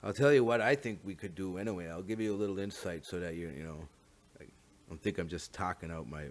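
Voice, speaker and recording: Low-voiced man, First Nations Canadian accent. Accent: First Nations Canadian English. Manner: informal, halting, repeats words as he thinks aloud. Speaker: talk show host. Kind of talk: unscripted opinion monologue.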